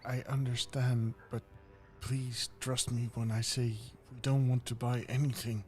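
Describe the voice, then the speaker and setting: A man's voice: medium pitch, flat delivery, measured pace, darkish tone. A man playing a tabletop role-playing game, stammering and repeating words as he talks. Faint music plays behind him. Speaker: player.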